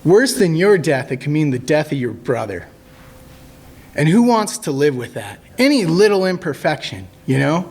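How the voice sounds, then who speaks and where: A man in his thirties, an army veteran, telling stories casually to a group, joking and halting with many fillers. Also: on the high side. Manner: jokey, animated when acting out quotes.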